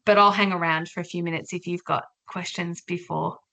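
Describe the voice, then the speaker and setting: A woman's voice: on the low side, fairly even intonation, brisk, vocal fry, sharp tone. An Australian woman lecturer running an online orientation session in a chatty, informal way over a video call. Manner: chatty, friendly, loose and informal.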